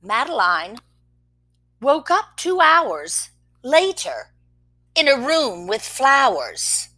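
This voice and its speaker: A woman reading a picture book aloud to children, expressive, with soft whispered asides between the verses. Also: fairly high pitch, low-quality recording. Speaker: children's story reader.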